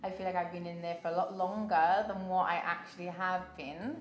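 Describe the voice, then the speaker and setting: A woman's voice: fairly low pitch, steady tone, fairly quick, slight background noise. A woman aged about thirty chatting casually as she answers interview questions. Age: 30s. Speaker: fitness coach. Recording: roomy, music behind.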